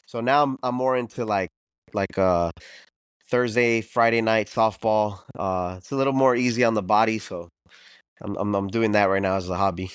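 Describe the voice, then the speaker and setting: Brief: man, early thirties, from Los Angeles, low clear voice, dry sound, relaxed guest. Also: moderate pace, no echo. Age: 30s. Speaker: podcast guest, delivery driver. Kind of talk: casual chat.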